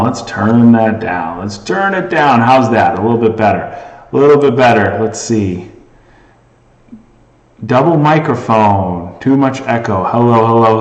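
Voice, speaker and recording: A man's voice: fairly low pitch, lively intonation, unhurried, distant mic. A man hosting a casual live stream and chatting with viewers, his voice heavily echoing off a bare room. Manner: rambling, restarts and talks to chat. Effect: heavy echo from a bare room. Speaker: livestream host. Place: echoey room indoors. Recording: echoey room with long reverb.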